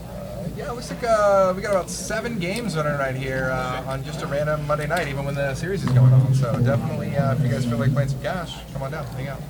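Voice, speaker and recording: Fast-talking man calling poker, noisy room. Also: a little high. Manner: slangy, chatty. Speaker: poker stream commentator. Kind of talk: casual live poker commentary. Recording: noisy room with loud background ambience.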